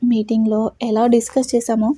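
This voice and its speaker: A woman's voice: on the high side, flat delivery, moderate pace, dark tone, breathy edge, dry recording. A woman voicing an angry, possessive young male boss who barks harsh commands in a storybook reading.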